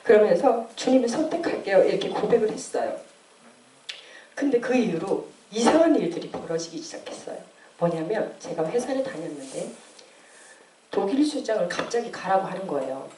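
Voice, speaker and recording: Woman, late 20s, church testimony. Animated storyteller with a mellow tone. Roomy, distant mic. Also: mid-range voice, moderate pace, slight background noise. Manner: animated storytelling, acting out quoted voices. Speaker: church member giving testimony. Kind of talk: personal testimony. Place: church hall. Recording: echoey room, distant mic.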